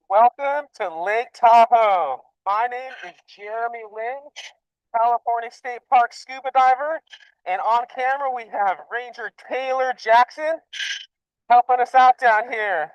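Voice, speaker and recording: A man working as a park scuba diver, presenting a live program from underwater and excitedly asking viewers questions. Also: very high voice, a little slow, smooth, dry recording, muffled recording. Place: underwater in a lake, diving.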